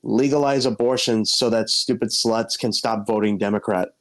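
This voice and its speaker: A man in his twenties, a guest on a casual stream, telling gossipy stories in an animated way. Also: fairly low pitch, normal speed. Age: 20s.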